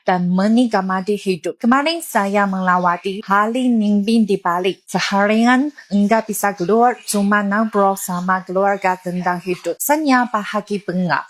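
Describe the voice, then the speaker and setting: A woman's voice: medium pitch, measured pace, hardly any pauses. A woman speaking cheerfully and plainly in a casual interview.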